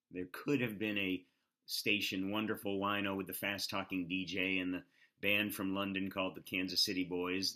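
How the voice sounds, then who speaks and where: Male host, lowish bright voice, relaxed explainer of comedy clips. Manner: relaxed, explanatory, hesitant fillers.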